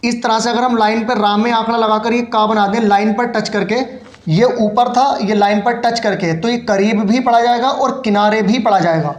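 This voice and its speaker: A man's voice: high voice, steady tone, moderate pace. A man giving a patient step-by-step lesson in shorthand, explaining each stroke as he writes it. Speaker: shorthand teacher. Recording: echoey room.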